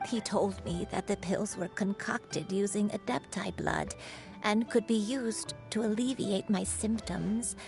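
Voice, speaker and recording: A woman voicing a frail, forgetful old grandmother, reading game dialogue in a slow, sorrowful way. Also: mid-range voice, over music. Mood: wistful. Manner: slow, sorrowful, gravelly storytelling.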